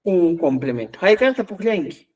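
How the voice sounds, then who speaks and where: A man's voice: sits high, sing-song, brisk, darkish tone, recorded from a distance. A man teaching a language class, explaining step by step and checking often that students follow.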